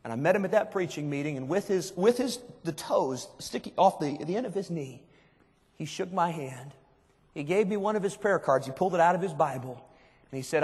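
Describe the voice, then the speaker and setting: A man preaching a sermon to a youth conference, emphatic, dropping low and quiet and then rising to shouts. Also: slightly rough. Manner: emphatic, swings between hushed and shouted. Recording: long hall reverb.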